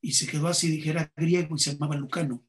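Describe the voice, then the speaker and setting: Speaking quickly with little pitch movement, this slightly high-voiced man has a Mexican accent. He's a comedian in an interview, telling stories and performing the dialogue in them.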